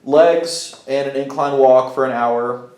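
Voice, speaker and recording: A young man talks to his camera in a loose, rambling vlog. He thinks out loud, trips over his words and starts sentences over. His voice sits at an ordinary middle pitch, and the room gives it a noticeable echo. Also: slow. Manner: rambling, restarts, thinks aloud. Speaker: vlogger. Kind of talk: casual vlog talk to camera. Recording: echoey room.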